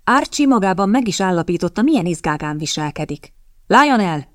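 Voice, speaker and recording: Low-voiced woman narrating an audiobook. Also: animated, no echo, studio quality. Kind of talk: scripted narration.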